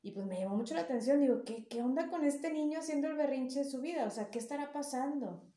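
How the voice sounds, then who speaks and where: A woman's voice: sits high, fast talker, mellow. A woman with a northern Mexican accent, chatting casually as a podcast co-host. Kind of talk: casual conversational chat. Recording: roomy echo, faint music.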